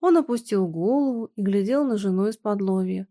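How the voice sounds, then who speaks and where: A woman narrating a literary story with measured, expressive reading. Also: medium pitch. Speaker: audiobook narrator.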